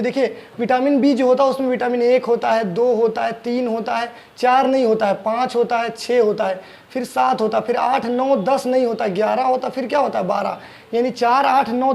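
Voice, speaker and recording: A man's voice: extremely high pitch, gravelly, a little mellow. A man teaching an exam-prep biology lesson, explaining step by step, asking questions and answering them himself. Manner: explains step by step, repeating key terms.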